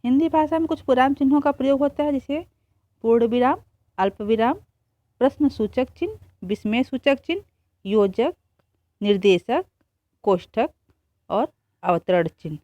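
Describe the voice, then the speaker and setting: A woman teacher explaining a grammar lesson slowly, repeating examples and answering her own questions. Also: high voice, lively intonation, dark tone, no echo. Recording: dull, muffled dry recording.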